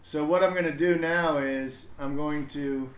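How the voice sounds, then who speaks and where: A man's slightly high voice, fairly even in intonation and measured in pace, comes through as he hosts a livestream storybook reading as a parent. He chats casually and hesitantly during setup, thinking aloud, and the room echoes with background noise.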